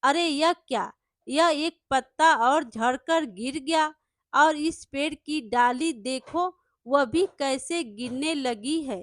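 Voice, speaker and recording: A woman's voice: high voice, takes it slowly, dry recording, clean studio sound. A woman doing a frail, sick younger sister. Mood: weak.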